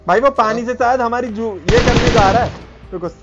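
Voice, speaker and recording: A man gaming online, boasting, teasing teammates and shouting orders in casual banter. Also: very high-pitched, moderate pace. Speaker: gamer streamer. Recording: lo-fi game capture with music. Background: game music and gunfire.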